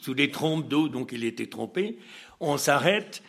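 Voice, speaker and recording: A man telling an anecdote as an interview guest. He is a lively storyteller who acts out dialogue, laughs often, and hesitates and restarts. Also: medium pitch, measured pace, creaky.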